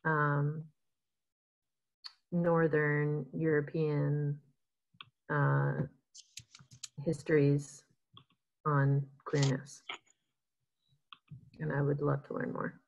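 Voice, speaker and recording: Low-voiced, slow young woman facilitator. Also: monotone, gravelly. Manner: appreciative, measured. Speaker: workshop facilitator. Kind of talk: facilitating a discussion. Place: indoor home with plants. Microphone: video call. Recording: dull lo-fi video call audio.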